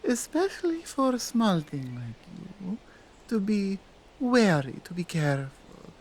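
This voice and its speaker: Slow, commanding Nordic Krampus played by a woman. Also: medium pitch, big pitch swings, a little mellow, a little hiss or hum. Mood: musing, superior. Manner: deliberate, commanding, halting non-native phrasing. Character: dominant female Krampus, stern, coaxing, inhuman punisher. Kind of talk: ASMR roleplay, slow dramatic monologue.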